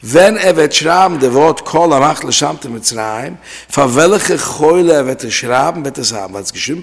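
A man's voice: on the high side, slightly rough, long reverb tail. A man giving a religious study lecture, explaining and restating his points and mixing in Hebrew terms and English words.

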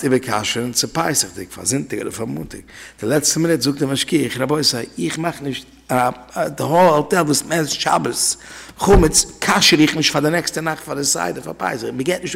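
A man's voice: medium pitch, vocal fry, a bit bright, breathy edge. A man teaching an informal religious law lesson as a rabbi, talking conversationally and telling anecdotes to his listeners. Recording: reverberant hall.

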